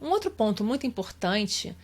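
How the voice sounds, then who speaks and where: A woman's voice: mid-range voice, sing-song, moderate pace. A woman teaching a lesson, patiently explaining grammar step by step with examples and rhetorical questions. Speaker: English teacher.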